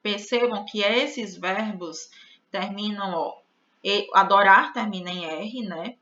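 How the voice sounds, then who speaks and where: A woman's voice: mid-range voice, slow pace, bright, forceful tone. A Brazilian woman with a Brazilian Portuguese accent teaching an online grammar lesson, explaining patiently and checking in with her viewers often. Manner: explanatory, addresses viewers as "gente", frequent "né?" and "ó". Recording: slightly dull lo-fi audio.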